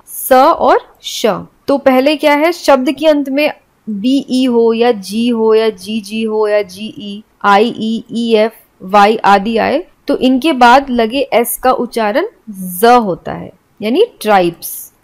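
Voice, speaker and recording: A woman teaching English pronunciation, explaining each rule step by step and spelling words out letter by letter. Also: on the high side. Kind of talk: classroom explanation.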